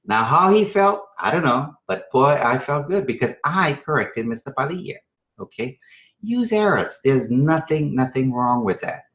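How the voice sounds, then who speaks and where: The Trinidad and Venezuela man speaks at normal speed in a sing-song, mid-range voice that's a bit bright, though the highs are cut off and the room echoes. He's giving teachers a live math strategy session, emphatic and conversational, with rhetorical questions and regular check-ins.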